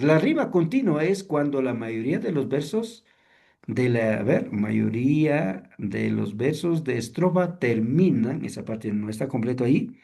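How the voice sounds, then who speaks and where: A man teaching a seminary class, explaining slowly and hesitantly, often asking rhetorical questions. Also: fairly high pitch, warm tone, breathy edge. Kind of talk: online class lecture on songwriting.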